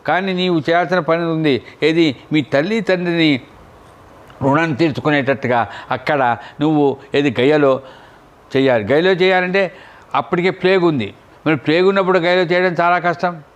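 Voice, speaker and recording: Brief: middle-aged male religious storyteller, fairly high voice, acts out the quotes. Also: lo-fi sound. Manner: retelling a saint's story with voiced quotes and questions to listeners. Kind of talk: devotional discourse.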